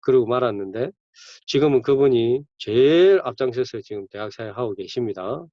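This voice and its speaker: A man's voice: mid-range voice, animated, a little fast, no echo. A male campus ministry pastor, preaching conversationally with sudden bursts of emphasis. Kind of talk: sermon. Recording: dull dry lo-fi recording.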